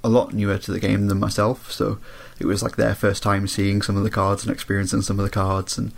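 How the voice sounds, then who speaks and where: A man chatting casually, his voice croaky and congested from a head cold. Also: on the low side, monotone, brisk. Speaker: podcast co-host. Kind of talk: casual chat. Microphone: remote internet voice call.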